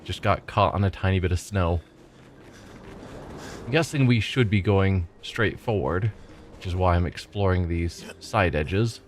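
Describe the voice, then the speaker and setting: Deep-voiced and a little slow, a stuffy-sounding man streams a video game, chatting and musing aloud as casual let's play commentary. Game music and slight background noise sit behind him.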